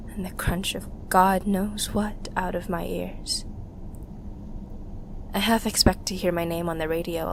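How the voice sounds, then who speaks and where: On the low side and edged with vocal fry, a woman's voice carries a young fugitive rebel's halting, intimate confessional monologue for an audio drama. The character is bitter and haunted with grief, and there is background noise.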